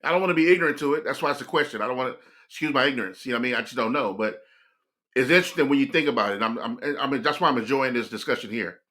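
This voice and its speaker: An American man hosts a reaction video, speaking rapid-fire in a medium-pitched, pushed, bright voice. His casual commentary is reflective and rambling, and he addresses his viewers directly.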